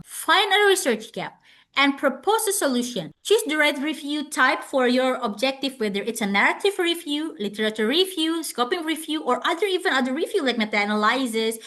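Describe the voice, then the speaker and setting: High-voiced Indonesian woman lecturing. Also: a bit bright. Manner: explanatory, repeats words and restarts. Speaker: webinar speaker. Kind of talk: online lecture.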